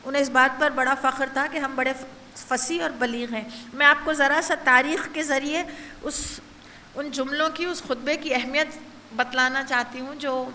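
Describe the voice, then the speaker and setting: A woman's voice: high-pitched, sharp tone. A woman giving a religious lecture at a women's gathering, earnest and asking the listeners rhetorical questions. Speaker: zakira reciting at a women's majlis. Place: gathering hall. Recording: long hall reverb, faint noise.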